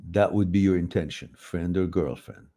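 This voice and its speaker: He is a middle-aged host from Iran, speaking Farsi on a live advice stream where he reads viewers' questions. His low, warm voice moves at a moderate pace, and he tends to ramble and fix his own words.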